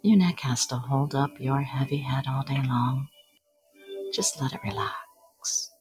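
A woman guiding a hypnosis induction in a soft, breathy voice, often slipping into a whisper. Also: rumbling low, a little slow, over music.

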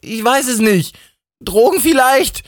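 A man voicing a panicked young woman caught by an avalanche, speaking high and stammering. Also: normal speed, no room sound, clean studio sound, lightly acted.

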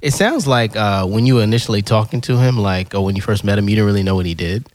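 A man's voice: lowish voice, quick pace. A man hosting a podcast interview in a chatty, casual way, cursing now and then. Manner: lively, chatty, swears casually. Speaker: podcast host.

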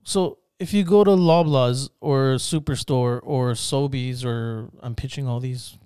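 A mid-pitched man hosts a casual podcast, joking along and cursing freely in an animated way. The voice sounds dry and close. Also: a little slow, clear, resonant tone, no echo. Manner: joking, swears often, animated. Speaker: podcast host. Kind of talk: casual chat.

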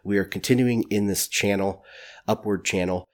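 A man's voice: lowish voice, fairly even intonation, moderate pace. A man with a stuffy, congested nose hosting a solo market commentary podcast in an informal, opinionated way. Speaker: podcast host.

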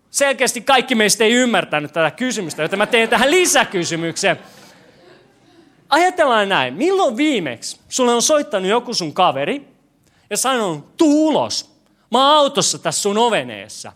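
This young pastor's voice is extremely high and fairly bright. Preaching a lively sermon to his congregation in a church hall, he jokes, mocks himself, asks the audience questions, and trips over words with stammers and restarts.

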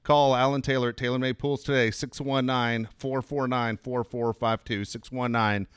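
A man co-hosting talk radio, reading live ads and chiming in with quick agreement. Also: mid-range voice, flat delivery, clear, resonant tone, no echo, studio quality. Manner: quick agreeing interjections, upbeat ad delivery. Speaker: radio co-host.

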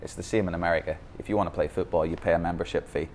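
A little hiss or hum sits under this man's very fast, low, darkish voice, which stays fairly even in intonation. The Northern Irish founder of a youth football academy in Bangkok is candid on a podcast about his coaching journey, with lots of restarts.

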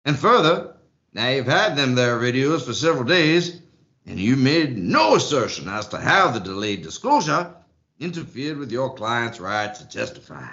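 A man's voice: medium pitch, sing-song, normal speed, bright, forceful tone. A man voicing a stern, folksy rural judge who lectures in a country drawl. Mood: lecturing. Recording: muffled lo-fi audio.

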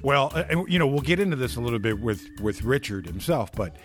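A man's voice: mid-range voice, brisk, faint music behind. A man co-hosting a comedy talk show, telling an anecdote with animation and acting out the quotes. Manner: animated storyteller, acts out the quotes. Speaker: co-host. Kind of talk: casual podcast storytelling.

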